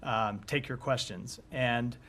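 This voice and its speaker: A man addresses reporters from a briefing-room podium, his voice roughened and hoarse. He speaks in a measured way, often restarting his sentences. A faint background noise sits under the podium mic. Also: medium pitch, sharp tone. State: hoarse, coughing. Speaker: government spokesperson. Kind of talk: press briefing.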